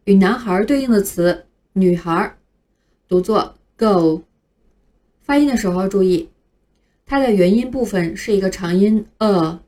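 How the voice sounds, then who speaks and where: Slow, mellow-voiced woman teaching pronunciation. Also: mid-range voice. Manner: slow, careful spelling out of words. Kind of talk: scripted phonics lesson.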